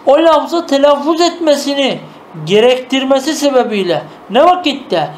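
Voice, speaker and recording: High-voiced man teaching a traditional lesson. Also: expressive, slight background noise. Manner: reads classical Arabic phrases, then explains them with quick rhetorical questions; patient and repetitive, checks understanding often. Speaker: teacher of classical Arabic grammar and logic. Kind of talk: traditional madrasa-style lesson.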